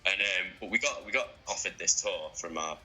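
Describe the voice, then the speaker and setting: A man in a band being interviewed, talking casually, excitable and sweary, laughing often. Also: sits low, fairly quick, soft background music, poor audio.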